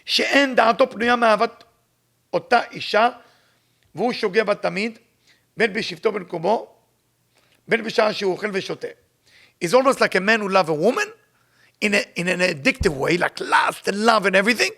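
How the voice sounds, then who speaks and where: Teaching Kabbalah informally, an Israeli-accented man tells stories and keeps repeating phrases to drive points home. He has a high, expressive voice that is creaky and bright, with a forceful tone. Hebrew passages come out in a fast recitation when he reads them.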